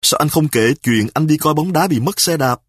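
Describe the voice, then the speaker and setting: A man voicing a fretful young wife who starts out defensive and turns sharp-tongued in a spoken story, with a husky voice. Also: fairly high pitch, animated, no room sound, studio quality. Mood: indignant. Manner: pleading, then snapping back in quick retorts.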